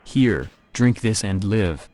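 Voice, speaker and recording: A low-pitched male vampire played by a man from a video game, composed and matter-of-fact. He speaks in short, calm phrases, with faint noise behind him. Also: takes it slowly. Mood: calm, reassuring.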